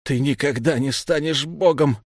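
A man voicing an old, bitter male sorcerer who shouts and hisses with hatred. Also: a little high, normal speed, no room sound, clean studio sound, voice pushed up. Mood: furious. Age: older.

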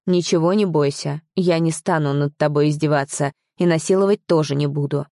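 A smug, possessive young man who gives orders and mocks, read by a woman narrator in a low, dark voice. The sound is dry and close, with no room around it. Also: steady tone, fairly quick, dry recording. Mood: smug, commanding. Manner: mocking, commanding.

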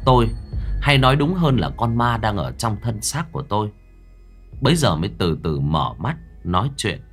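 A man tells a ghost story in the first person, his low voice rising and falling dramatically with every turn. Soft music plays quietly underneath. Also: sing-song, normal speed, slightly rough. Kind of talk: horror story narration.

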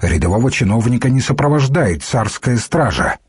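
A man narrating an audiobook in a steady, measured reading voice. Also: medium pitch, slightly rough, no room sound, studio quality.

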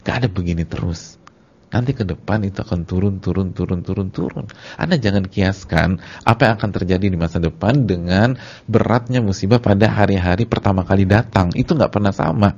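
Gravelly-voiced male preacher, lively and emphatic. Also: sits low, brisk. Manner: lively, animated, repeats words for emphasis; casual Jakarta slang with a congregation. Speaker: Islamic preacher. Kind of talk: sermon. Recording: dull lo-fi lecture recording.

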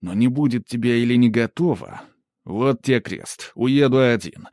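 A man's voice: medium pitch, a little slow, darkish tone, no room sound, clean studio sound. A man narrating a first-person audiobook with a wry, matter-of-fact delivery.

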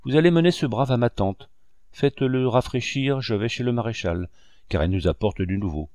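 A man's voice: mid-range voice, moderate pace, darkish tone, smooth, no echo, studio quality, lightly acted. A man voicing a kindly male army chief of staff who speaks in a reassuring way, in an audiobook reading.

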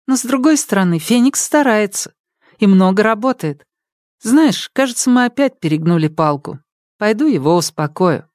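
Man voicing a young woman, high pitched, sharp and fierce, dry recording. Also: animated, moderate pace, dry recording. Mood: gentle. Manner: sharp, raised voice.

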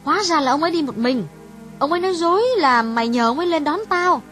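A woman voicing a frank, worldly young woman in an audiobook, speaking bluntly to a friend in a husky voice. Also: high voice, lively intonation, fast talker, fairly bright tone, soft background music. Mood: earnest, candid. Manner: frank, dismissive storytelling. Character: calm, worldly young Vietnamese woman, older sister.

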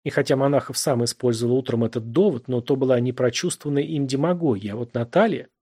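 A man narrating a literary novel as an audiobook. His reading is measured and reflective, with a husky voice at a middling pitch. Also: dark tone.

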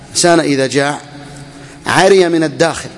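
A man teaching a classical religious text, speaking slowly and deliberately and repeating each phrase so students can follow. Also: on the high side, long reverb tail. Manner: asks students questions. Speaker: Islamic scholar teaching a fiqh text. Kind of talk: classical Arabic lesson commentary.

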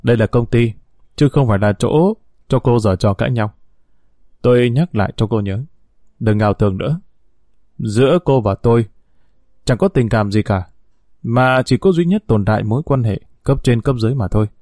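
A man's voice: mid-range voice, moderate pace, pauses often, mellow, no room sound, studio quality, lightly acted. A man voicing a cold, cutting young boss. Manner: stern, cutting. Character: cool, sarcastic young male company boss.

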